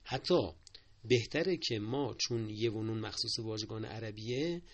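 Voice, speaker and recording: A man's voice: on the low side, slight background noise. A man giving a spoken lesson on correct word usage, patient and explanatory, often repeating his points and asking listeners to take careful note. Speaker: Persian language teacher.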